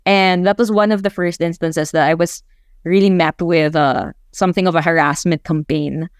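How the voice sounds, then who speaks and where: A twenty-something Filipino woman with a Filipino accent gives reflective, conversational answers as a journalist being interviewed, at times switching into Tagalog mid-English. Her fairly low voice is smooth and steady at a moderate pace, captured at studio quality with no room sound.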